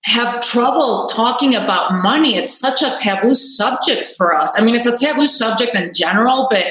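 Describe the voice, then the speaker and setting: A woman's voice: on the high side, animated, moderate pace, fairly bright tone. Chatty woman in a roomy recording. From Spain. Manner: open, chatty, storytelling with frequent restarts. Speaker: guest, business coach. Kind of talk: casual interview talk. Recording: roomy echo.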